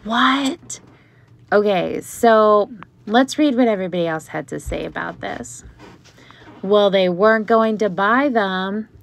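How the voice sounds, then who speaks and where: A woman's voice: mid-range voice, slow, creaky. Chatty woman reading posts aloud. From Pittsburgh area, USA. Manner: chatty, animated asides between readings. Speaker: Beanie Baby collector and video host.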